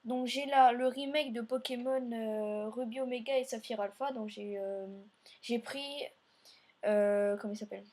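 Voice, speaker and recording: Woman, let's play host, slightly higher voice, rambling commentary aimed at viewers. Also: fairly even intonation, a little slow, a little mellow. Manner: meandering, filler-heavy narration while playing; speaks directly to viewers.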